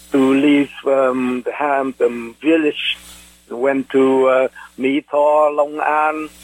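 Older man, Vietnamese accent, non-native English, slow delivery, halting, searching for words, radio interview guest. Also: mid-range voice, low-quality recording. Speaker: interview guest, war veteran.

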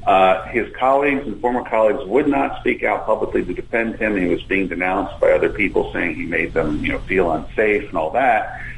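A man's voice: deep voice, fairly quick, creaky, hardly any pauses. A man calling in as a guest by speakerphone, sounding like he is in a cave. He argues his points and keeps tagging them with "right?". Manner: argumentative, often ends points with "right?". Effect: hollow cave-like echo of a speakerphone line. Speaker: call-in guest commentator. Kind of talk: phone-in political commentary. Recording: echoey phone line with faint hiss.

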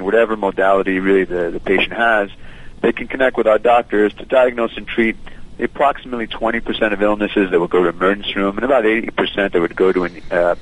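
A man's voice: low voice, low-quality recording. A man heard over a landline phone, a company founder giving a radio interview in a fluent, businesslike way with frequent fillers. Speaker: company founder and CEO, guest. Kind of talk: radio interview guest explaining his service.

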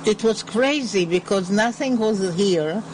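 Older woman from Israel, interview guest, speaks slowly and haltingly while searching for words, faint background noise. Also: mid-range voice, expressive, a little mellow. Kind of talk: unscripted recollection.

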